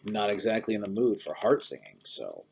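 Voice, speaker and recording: A man's voice: fairly low pitch, huge pitch swings, normal speed, vocal fry, darkish tone, slight background noise, full character voice. A man voicing a soaked, grumpy man who answers curtly and mutters through clenched teeth in a read-aloud story. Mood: sour, curt. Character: soaked, grumpy man waiting for a late bus.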